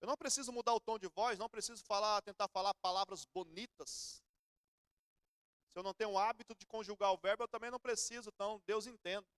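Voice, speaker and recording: A man's voice: high-pitched, steady tone, fast, a bit bright, clear, resonant tone, dry recording, clean studio sound. A middle-aged Brazilian man preaching a sermon in church, telling everyday stories in a conversational way. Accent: Brazilian Portuguese. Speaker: pastor.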